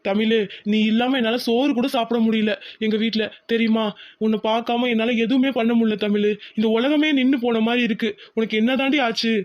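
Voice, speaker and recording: A man's voice: very high voice, fairly even intonation, brisk, dull audio. A lovesick, pleading village man. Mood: pleading, worried. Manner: pleading, worried, melodramatic.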